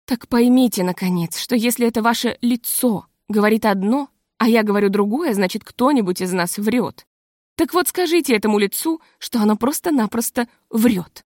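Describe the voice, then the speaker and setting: A woman reading an audiobook voices a proud, educated woman trying to stay calm while indignant. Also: a little high, moderate pace, no echo, clean studio sound, close to an everyday voice.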